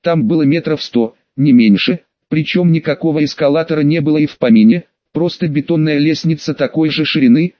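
A male audiobook narrator reading steadily in a first-person voice. His voice sits a bit high, and the sound is dry and slightly dull. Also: brisk, hardly any pauses, no room sound.

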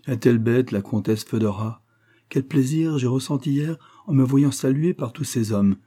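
A man's voice: medium pitch, normal speed, warm tone, lightly acted. A man voicing Pauline, an ardent young woman. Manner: impassioned, breathless devotion. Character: young woman in love, tender and exalted. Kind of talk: audiobook character reading.

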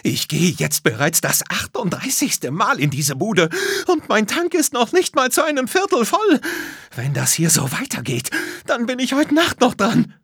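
A man's voice: high voice, huge pitch swings, normal speed, fairly bright tone, husky, no room sound, clean studio sound, pitched above the performer's own voice, exaggerated voice. A man voicing an exasperated woman driver who screeches about waiting at the pump.

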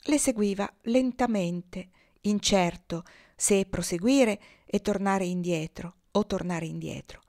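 A woman reading a classic children's novel aloud, with lively, expressive narration. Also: mid-range voice, takes it slowly. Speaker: audiobook reader.

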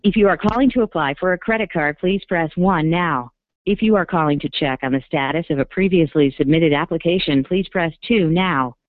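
A man's voice: on the high side, no room sound. Man's voice on a recorded phone menu. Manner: even, measured, formal delivery. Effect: recorded automated phone menu. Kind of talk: scripted automated prompts. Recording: tinny phone line.

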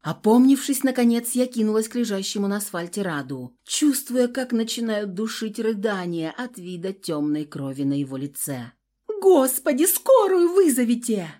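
A woman narrating a first-person audiobook with a dramatic, expressive delivery. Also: mid-range voice, normal speed, hardly any pauses.

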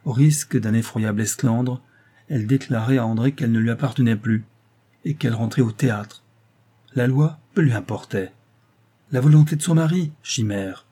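A man narrating a novel as an audiobook, in a measured, even storytelling manner. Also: mid-range voice, husky.

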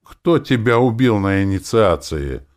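A man's voice: fairly low pitch, expressive, a little slow, pitched above the performer's own voice. A man voicing a crude, gloating female demon in an audiobook, with a growling, sardonic way of talking. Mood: mocking. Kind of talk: audiobook character voice.

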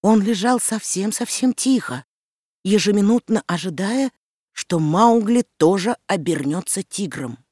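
An audiobook narrator reading a story aloud in an even, measured way. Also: mid-range voice, no echo, clean studio sound.

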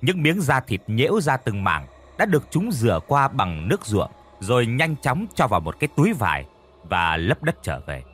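Husky-voiced man narrating a horror story. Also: mid-range voice, wildly swooping pitch, normal speed, fairly bright tone. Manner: vivid, dramatic storytelling.

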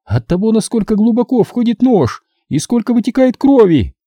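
A man voicing a sadistic young woman kidnapper who gloats and taunts in a shrill, high voice in an audiobook. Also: very animated, moderate pace, warm tone, dry recording, clean studio sound. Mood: gloating. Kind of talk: audiobook character voice.

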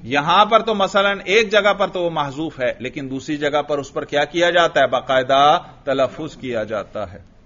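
A man's voice: on the high side, animated, fairly bright tone. A male religious teacher giving a classroom lecture, asking his students questions, repeating the answers and chanting quoted texts. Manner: chants Arabic text in a melodic recitation. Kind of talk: classroom lecture on Arabic grammar and logic. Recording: muffled lo-fi lecture recording.

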